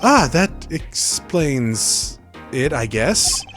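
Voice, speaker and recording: Guy reading as a formal senior lawyer boss in a game, measured, dry, soft music behind. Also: fairly high pitch, sing-song, heavily acted. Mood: composed, dry. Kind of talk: voicing video game dialogue.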